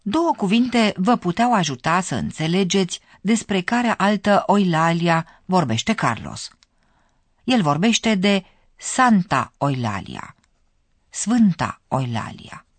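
A narrator giving scripted, measured explanations in a radio language course. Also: mid-range voice, sing-song, no echo.

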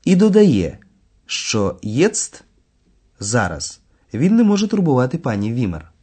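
Male course narrator, husky, animated pitch, scripted. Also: measured pace. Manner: clear, explanatory. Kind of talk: scripted radio-lesson narration.

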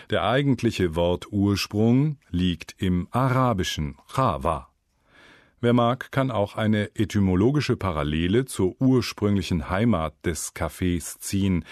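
A man with a low voice narrates an educational script for language learners. He tells it like a story, and his pitch rises and falls a lot. The sound is dry and close, like a studio booth. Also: no room sound. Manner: lively, storytelling delivery. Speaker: narrator of a German learning program.

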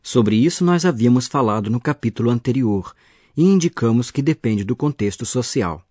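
Husky-voiced male teacher, lively intonation. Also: medium pitch, no echo. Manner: patient, explanatory. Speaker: language teacher. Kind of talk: scripted radio lesson.

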